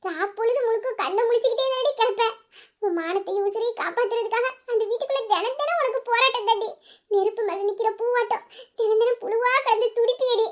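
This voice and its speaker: A woman's voice: very high voice, quick pace. A woman voicing an indignant young woman who scolds and curses her friend's cruel in-laws. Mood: pitying. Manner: scolding, cursing, heated. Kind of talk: Tamil audio story acting.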